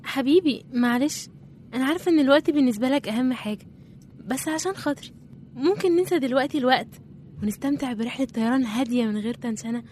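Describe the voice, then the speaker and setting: A woman's voice: sits high, lively intonation, fast talker, a little mellow, slight background noise. An actress playing a wife coaxing her husband, with an Egyptian accent. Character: soothing wife passenger.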